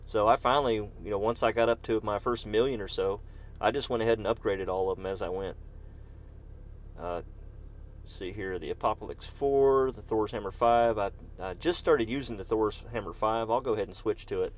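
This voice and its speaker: In fairly low tones at a moderate pace, a gaming streamer offers relaxed live commentary and chats with viewers by name. Coughing fits interrupt him now and then.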